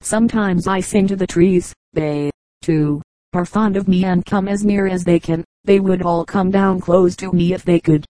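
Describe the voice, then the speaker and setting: A woman's voice: lowish voice, steady tone, normal speed, no room sound, natural voice, poor audio. Woman voicing a happy chattering brook. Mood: fond. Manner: gentle, fond and rambling.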